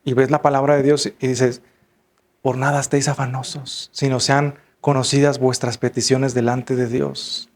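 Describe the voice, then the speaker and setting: A man's voice: medium pitch, flat delivery, normal speed. A man preaching a sermon in an earnest, conversational way. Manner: conversational, earnest, repeats "hermanos" and "¿verdad?".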